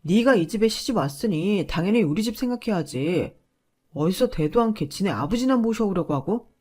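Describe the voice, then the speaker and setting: A woman's voice: mid-range voice, expressive, normal speed, mellow, slightly rough. A woman voicing a selfish, dismissive husband who argues back defensively.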